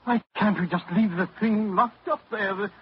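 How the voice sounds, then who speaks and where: An actor playing an anxious, stammering scholar in a 1940s radio drama. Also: male voice, high voice, moderate pace, lightly acted. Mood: alarmed. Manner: fretful, stammering. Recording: muffled old radio broadcast, faint hiss.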